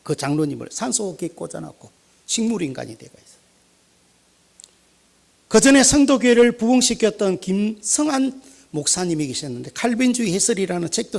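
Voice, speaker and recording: An older retired pastor with a Gyeongsang accent, telling stories in a sermon with animated shifts between loud and quiet. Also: male voice, sits high, vocal fry. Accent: Gyeongsang Korean. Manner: animated, anecdotal, swinging between loud and soft. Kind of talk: storytelling sermon.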